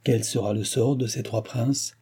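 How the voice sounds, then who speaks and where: A man's voice: medium pitch, steady tone, measured pace, vocal fry, mellow, husky. A man reading aloud, voicing a proud, imperious young princess in a raised voice. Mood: questioning. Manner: haughty, commanding.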